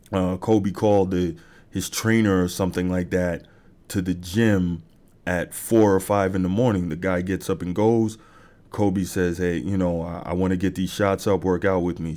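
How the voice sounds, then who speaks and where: Man, sports podcast host, low voice, mellow tone, casual rambling talk. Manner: conversational, many fillers and restarts. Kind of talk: casual monologue.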